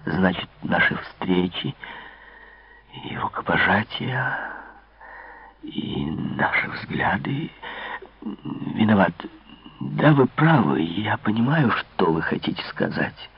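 A man's voice: low voice, very animated, slow, long pauses, exaggerated voice. Man whispering as a tormented young king. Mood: tormented, hushed. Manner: hushed, breathy whispering. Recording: dull lo-fi dry recording.

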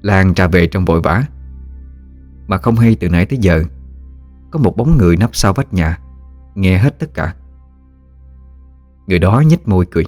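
A man narrating a ghost story audiobook in a steady storytelling manner. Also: low voice, moderate pace, pauses often, soft background music.

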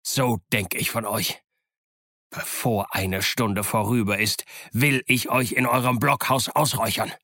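A man's voice: fairly low pitch, steady tone, a little slow, no room sound, clean studio sound, exaggerated voice. Long John Silver, a man voicing a blustering pirate. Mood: threatening. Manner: loud, threatening, cursing. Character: cunning, blustering middle-aged male pirate leader on a crutch. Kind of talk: audiobook character reading.

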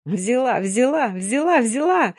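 Woman reading as a loud gleeful young roma girl, high and shouty, bragging, dry sound. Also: animated, normal speed, dry recording, lightly acted. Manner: shouting, laughing loudly.

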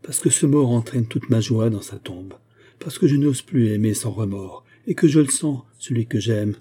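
A man's voice: medium pitch, moderate pace, warm tone, slightly rough, lightly acted. A man voicing a grief-stricken, remorseful young noblewoman in an audiobook, speaking in an anguished, pleading way. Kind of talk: audiobook character reading.

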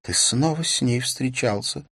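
A man's voice: mid-range voice, a little slow, fairly bright tone, slightly rough, no room sound, pitched above the performer's own voice. Give me a wounded wife, jealous and near tears, as a male audiobook reader puts her on, accusing her husband. Her voice rises above the reader's own, with a dry, close sound. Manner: tearful, accusing.

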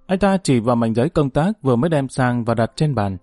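A man narrates a story in a steady, even telling voice. His pitch sits in the middle for a man. The recording is dry and close, with faint music behind. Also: a little fast, no echo. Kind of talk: audiobook narration.

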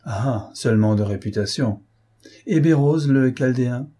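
A man's voice: medium pitch, unhurried, warm tone, husky. A man voicing a brusque, self-important older male philosopher who talks in an impatient, lecturing way.

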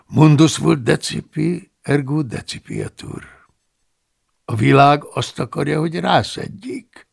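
A man narrates an audiobook in the first person, calm and measured. His voice is strongly gravelly and husky, with a lively rise and fall. It is recorded close and dry, with no room sound. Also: medium pitch, dry recording.

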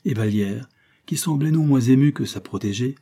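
A man narrating a classic novel as an audiobook, in a measured, expressive storytelling voice. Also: mid-range voice. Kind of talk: audiobook reading.

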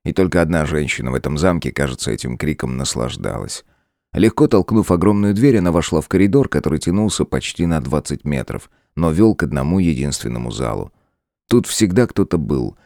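A man narrating a fantasy audiobook in an expressive storytelling manner. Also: rumbling low, brisk, no echo, clean studio sound. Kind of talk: scripted narration.

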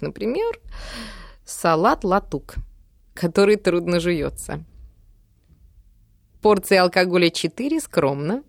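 A woman's voice: lowish voice, no echo, clean studio sound. A woman reading a first-person diary novel aloud, in a wry, matter-of-fact manner. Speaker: audiobook narrator.

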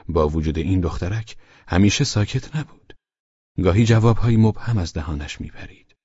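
Deep husky male audiobook narrator. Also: darkish tone, no echo, muffled recording. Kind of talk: scripted literary narration.

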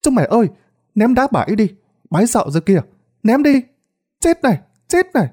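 A man voicing a panicked village boy who shouts in a high, frantic voice. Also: quick pace. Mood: angry.

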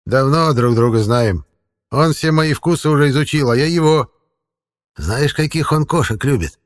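A man voicing a small, grumpy, sly old male forest spirit with a slightly creaky, folksy voice. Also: medium pitch, animated, normal speed, voice pushed up, lightly acted. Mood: teasing. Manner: folksy, grumbling.

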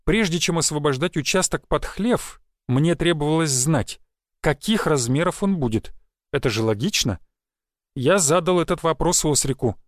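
A man narrating a first-person fantasy audiobook in an even, wry, matter-of-fact way. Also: a little high, normal speed, dry recording, studio quality.

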